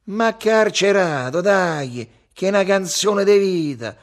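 A man's voice: a little high, expressive, very slow, voice pushed up, exaggerated voice. A male reader voicing an indignant drunk young Roman man with a Roman accent.

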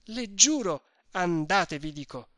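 A man's voice: a little high, measured pace, pushed and bright, no room sound, clean studio sound. A man voicing a pompous, evasive middle-aged lawyer who lectures and blusters in a storybook reading. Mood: blustering.

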